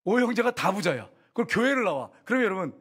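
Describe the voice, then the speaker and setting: Lively high-voiced male preacher. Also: quick pace, slightly rough. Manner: animated preaching with rhetorical questions to the congregation. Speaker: pastor. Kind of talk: sermon.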